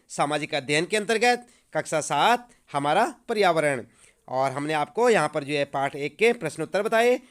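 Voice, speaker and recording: Man teaching schoolchildren, smooth clear voice. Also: a little high, a bit bright. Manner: addresses pupils as children, repeats 'ठीक है'; dictates answers slowly for copying. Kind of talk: homework answer walkthrough for schoolchildren.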